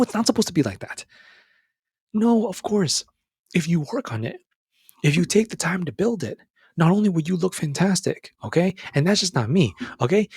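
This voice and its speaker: A man hosting a podcast in a casual monologue, rambling and digressing excitedly as he talks straight to the listener. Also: fairly high pitch, breathy edge, dry recording, clean studio sound. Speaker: podcast host.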